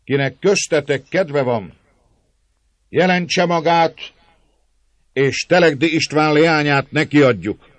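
A man voicing a commanding male rebel leader proclaiming orders to a crowd in a loud, raised voice. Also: on the high side, pauses often, no echo, voice pushed up, natural voice. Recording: dull lo-fi, dry sound.

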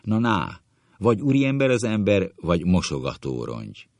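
A man plays a blunt gentleman who bellows the same stock saying again and again. His gravelly voice is very low and sounds dry, with no room around it. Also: big pitch swings, no room sound. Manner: bellowing catchphrase.

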